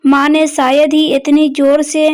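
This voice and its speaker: A woman voicing a stubborn, angry older mother-in-law in a narrated story, with an even, flat delivery. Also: sits high, unhurried.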